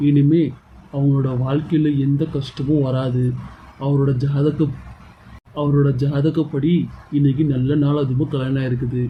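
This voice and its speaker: A man's voice: mid-range voice, flat delivery, measured pace, muffled recording, a little hiss or hum, natural voice. A man voicing a sly, greedy older priest in a cartoon serial, solemn with a wheedling edge.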